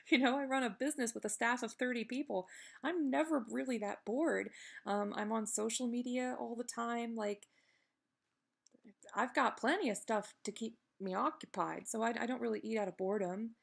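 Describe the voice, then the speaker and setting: A woman with a fairly high voice and vocal fry gives a casual, chatty video update the day after surgery. Speaking as a video blogger sharing a personal health update, she's candid and self-deprecating and keeps wandering into digressions.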